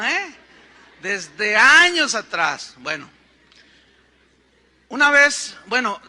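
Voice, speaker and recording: An older Mexican pastor preaches with a high, very bright voice. He tells stories conversationally, slipping into the voices of the people he quotes and tossing in asides to the congregation. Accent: Mexican Spanish. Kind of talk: sermon with storytelling.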